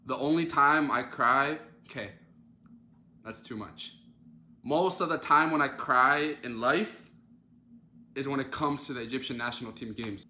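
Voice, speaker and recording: Bright-voiced young man telling a storytime. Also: medium pitch, reverberant. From Canada. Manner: animated, dramatic storytelling with lots of fillers. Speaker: social media creator. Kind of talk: storytime vlog.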